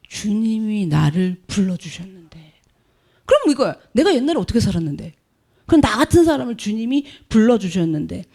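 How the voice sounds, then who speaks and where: A woman pastor giving an emphatic sermon, asking the congregation questions and acting out complaining believers. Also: high voice.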